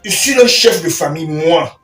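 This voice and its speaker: A man's voice: fairly high pitch, animated, moderate pace. A man playing a whiny freeloading older brother. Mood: indignant. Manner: whiny, indignant, swings from loud to mumbling. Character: demanding freeloading older brother, self-declared family head. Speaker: comic actor. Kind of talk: comedy sketch acting. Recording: roomy, from a distance, faint music.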